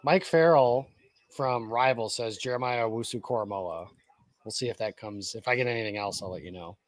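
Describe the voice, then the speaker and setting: A man co-hosting a casual live draft stream, breaking down picks in a relaxed, informed way. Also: mid-range voice, a little fast, dry recording. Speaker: co-host.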